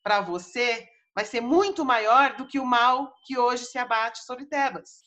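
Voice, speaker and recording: A woman's voice: fairly high pitch, unhurried, sharp tone. Woman doing a reluctant old blind prophet. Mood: warning. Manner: warning, reluctant.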